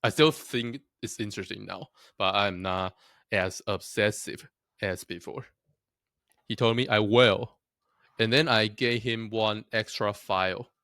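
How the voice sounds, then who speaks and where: This young man from Taiwan vlogs in a casual talk to camera, joking at his own expense and laughing at himself often. He speaks at a measured pace in a lowish, steady, fairly bright voice, and the studio-quality recording has no room sound.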